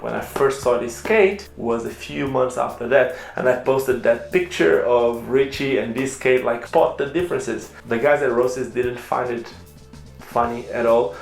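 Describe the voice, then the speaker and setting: A man's voice: mid-range voice, creaky. A man who speaks Portuguese as his first language, giving a chatty, enthusiastic review while unboxing skates and correcting himself along the way. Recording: echoey room with faint music.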